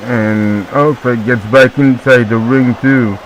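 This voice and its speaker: A French-speaking man calls a wrestling match in English, piling up excited calls and repeating the big moves. He keeps to a slow, unhurried pace at a middling pitch. A faint hum of noise sits behind him. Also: dull audio. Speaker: wrestling commentator. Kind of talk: play-by-play commentary.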